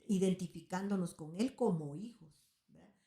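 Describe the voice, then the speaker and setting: A woman's voice: fairly low pitch, normal speed, warm tone. Earnest woman preaching in an echoey room. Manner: earnest, keeps asking "right?" of her listeners. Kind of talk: sermon-like teaching. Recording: roomy echo.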